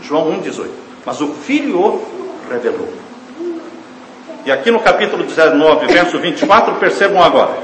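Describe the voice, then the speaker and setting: A man preaches from the pulpit, pressing hard on certain words before sinking into quiet, low phrases. His voice sits a little high. The sound carries a long hall reverb with a faint hum of ambience behind it. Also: very animated, normal speed. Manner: emphatic preaching, swings from loud stressed words to hushed low phrases; addresses the congregation as dear ones. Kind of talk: sermon. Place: church hall.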